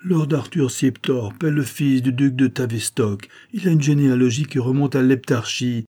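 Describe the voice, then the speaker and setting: A man voicing a gentle, elegant middle-aged noblewoman who pleads and reproaches in an audiobook. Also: medium pitch, moderate pace, pitched above the performer's own voice, lightly acted. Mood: pleading. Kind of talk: audiobook character voice.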